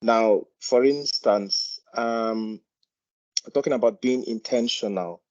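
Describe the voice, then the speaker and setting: A man with a Nigerian accent, a GP doctor taking part in a meeting, adds to an informal discussion and hesitantly repeats words as he explains. His mid-range voice is slow and darkish, and the audio sounds dull.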